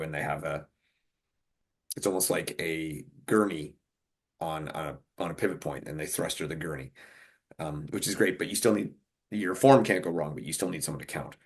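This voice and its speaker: A man with a very low, gravelly voice chats loosely on a podcast. He thinks out loud as he goes and cracks jokes at his own expense. His tone stays husky throughout. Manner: thinks aloud, jokes and laughs at himself. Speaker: podcast co-host. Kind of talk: casual fitness podcast chat.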